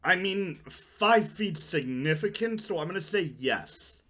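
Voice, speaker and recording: A man's voice: high-pitched, lively intonation, unhurried, a bit bright. A man running a tabletop game as game master, counting out distances and giving rulings aloud.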